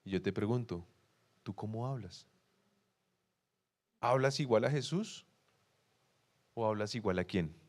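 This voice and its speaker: A young man from Colombia, a pastor with a Bogotá accent, preaching in an animated way, asking the congregation questions and acting out quoted excuses. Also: on the low side, a little slow, pauses often. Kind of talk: sermon.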